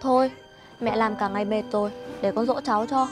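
An actress playing a meek young wife and new mother, speaking softly and apologetically. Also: on the high side, fairly even intonation, fairly quick, close to an everyday voice. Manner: soft, apologetic, submissive. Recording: music underneath.

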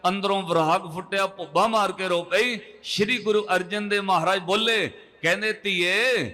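A male preacher with a high, bright voice tells a devotional story to a congregation. He slows to chant scripture lines between the narration. His voice rings out with a long reverb, as in a large hall. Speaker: Sikh preacher. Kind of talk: katha sermon storytelling.

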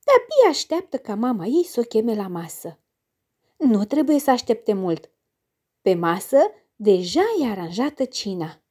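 A woman narrating a children's story in an expressive storybook-reading manner. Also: a little high, husky.

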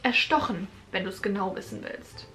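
A woman reading a hushed grieving teen girl. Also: mid-range voice, normal speed, faint music behind, natural voice. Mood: hushed grief. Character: grieving teenage girl, quiet and withdrawn.

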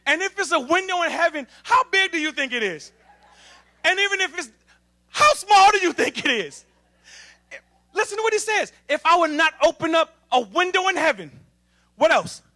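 A young man preaches in a church with a very high, bright voice. His delivery is animated and lively, full of playful call-and-response with the congregation. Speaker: assistant minister. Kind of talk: lively sermon. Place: church sanctuary.

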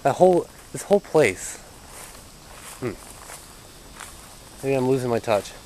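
Holding the camera himself, this young adult explorer records a vlog outdoors in an overgrown yard, sounding uneasy and hesitant, with sentences that fade out unfinished. He speaks at a medium pitch, animated yet a little slow, with a mellow tone. There's slight background noise and the audio is poor.

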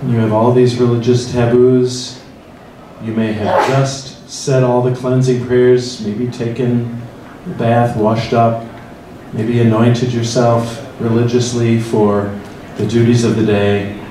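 A man's voice: medium pitch, flat delivery, dark tone. Man talking in an echoey hall. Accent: American Midwest. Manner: slow, reflective second-person storytelling. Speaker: priest leading a church forum. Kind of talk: guided meditation and interactive forum talk. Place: large church hall with tables of people. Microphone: handheld mic, filmed from far across the room. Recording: echoey hall, distant mic, room noise.

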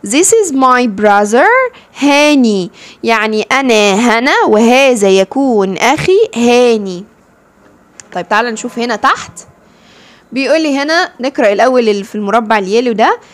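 Egyptian woman teaching English slowly. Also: fairly high pitch, expressive. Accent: Egyptian Arabic. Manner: slow, drawn-out English model phrases; explains each phrase in Arabic. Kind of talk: lesson for second-grade pupils.

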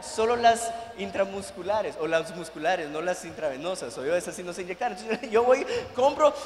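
A man preaching at a youth conference, telling a personal story with animated, loud bursts of emphasis. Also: sits high, moderate pace. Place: large church hall. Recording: echoey hall from afar.

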